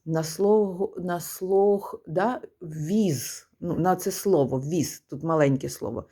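A woman music teacher giving a one-on-one lesson, patiently prompting her pupil and chanting rhythms slowly. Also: on the low side, mellow, slightly rough.

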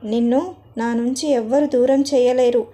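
Tender young mom soothing her kid, woman reading it, high soft voice. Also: fairly even intonation, normal speed, close to an everyday voice. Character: young mother tender and protective of her son.

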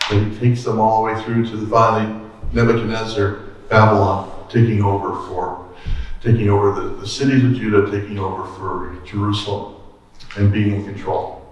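A middle-aged man, a pastor, preaching an earnest, measured sermon in a small church, holding a handheld mic. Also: lowish voice, level tone, highs cut off. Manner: earnest, measured teaching with occasional restarts. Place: small church sanctuary, indoors. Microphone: handheld mic, filmed from the back of the room. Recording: echoey church from far off.

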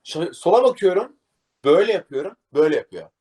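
A young man, a DJ, talking casually in an interview and acting out a story with lively energy. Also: fairly high pitch, fast talker, husky. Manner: animated, acts out scenes, says "abi" a lot. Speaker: DJ guest.

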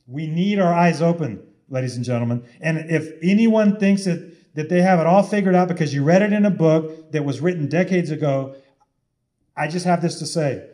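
Guy preaching urgently, kinda high voice but mellow and warm, keeps repeating himself. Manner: urgent, repetitive exhortation. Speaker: online preacher. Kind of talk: impassioned sermon-style talk.

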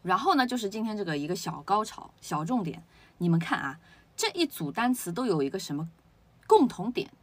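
A woman gives a spoken pronunciation lesson, her pitch rising and falling with plenty of movement. Her voice carries a slightly husky grain as she explains each point and checks in with rhetorical questions. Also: big pitch swings, fairly quick. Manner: explains step by step, asks rhetorical questions, drills words aloud. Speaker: English pronunciation teacher.

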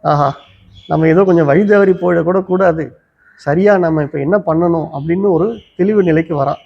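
Tamil-accented male Vedanta teacher, high gravelly voice, dull lo-fi sound. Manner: explains step by step, slowly chants Sanskrit verses. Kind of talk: spiritual discourse. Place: ashram teaching hall.

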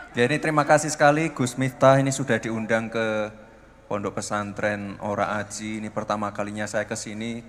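A man's voice: on the low side, a bit bright, in a large hall, a little hiss or hum. A man, a city mayor giving a short, polite welcome speech and repeating his thanks.

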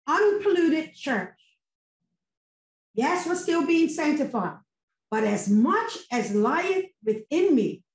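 On a video call from a home room with a virtual background, a middle-aged woman with a high, slightly mellow voice gives a fervent, preacherly post-sermon testimony packed with emphatic rhetorical questions. Her laptop webcam picks it up, and the call audio is echoey.

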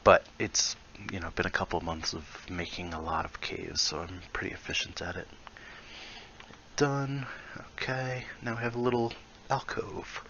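In this casual VR building tutorial, a male creator with a low-pitched, sharp-toned voice speaks at a moderate pace with fairly even intonation. He thinks aloud and mutters small asides as he builds; the highs are cut off and there's slight background noise.

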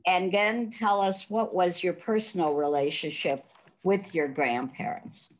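An older woman moderating a panel discussion over a video call from her living room, speaking in a measured, deliberate way. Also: on the low side, low-quality recording.

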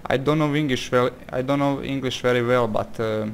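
Fairly quick and creaky, a mid-range male voice with a Croatian accent comments casually on a game he's playing, reading its text aloud with hesitations and exclamations. The man is from Croatia, and a little hiss or hum runs through this let's-play recording.

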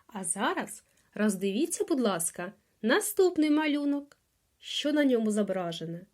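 A woman's voice: a little high, very animated, normal speed, darkish tone. A woman with a Ukrainian accent teaching small children to hear the sounds in words, drawing out each sound and repeating every word. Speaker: preschool teacher. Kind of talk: slow phonics lesson for small children.

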